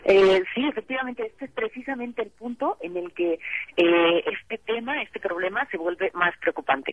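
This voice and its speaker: A woman's voice: medium pitch, husky, dry recording. Woman on a tinny phone line. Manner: earnest, many "eh" fillers. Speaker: phone guest, Greenpeace campaign coordinator. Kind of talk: interview over the phone. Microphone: telephone.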